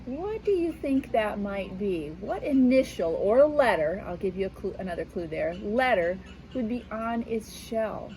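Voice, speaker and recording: With an expressive, mid-range voice and a dark tone, a school media specialist reads a picture book to children a little slowly from her back porch. She speaks in a patient, teacherly manner during this outdoor read-aloud lesson, and the audio is poor.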